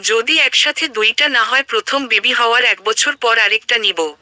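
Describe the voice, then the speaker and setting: A woman's voice: a little high, normal speed, sharp tone, dry recording. A woman voicing an affectionate, teasing young man talking to his fiancée on the phone in an audio story. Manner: playful, teasing.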